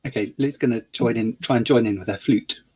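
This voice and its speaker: A man's voice: medium pitch, fairly quick, darkish tone, breathy edge. A man playing a tabletop game, laughing often in casual talk. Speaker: player.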